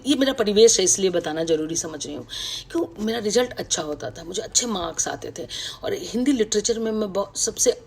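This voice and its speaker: A middle-aged woman, a writer, recalling her past in a reflective, personal talk on a video call, with many pauses and fillers. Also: mid-range voice, lively intonation, a little mellow, a little hiss or hum. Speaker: writer speaking to an online audience. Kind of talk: personal reminiscence, casual talk.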